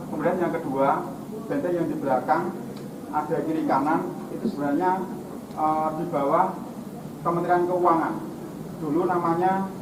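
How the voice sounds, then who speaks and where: A man giving an informal welcome and explanation of a site as an official, searching for words as he goes. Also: on the high side. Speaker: police official welcoming visitors. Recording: noisy, echoey, distant microphone.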